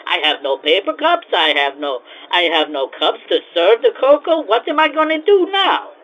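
A high, flustered cocoa-house owner, as a man acts him out rants in broken grammar and circles back to the same complaints. The voice sits well above a typical man's register. The recording sounds muffled and lo-fi, as if from a home setup. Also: very animated, normal speed, fairly bright tone. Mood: fretting. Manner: exasperated, repeats himself, broken grammar. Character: flustered male cocoa-house owner, frantic, put-upon.

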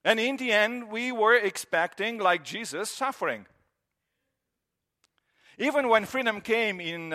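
A man's voice: sits high, sharp tone. A man, preaching a sermon in an earnest, conversational way with repeated phrases. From Romania. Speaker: pastor.

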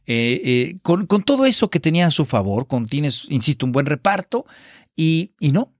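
A man's voice: on the high side, very animated, normal speed, no room sound, clean studio sound. A man giving a casual, exasperated and sarcastic spoken film review. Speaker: film critic.

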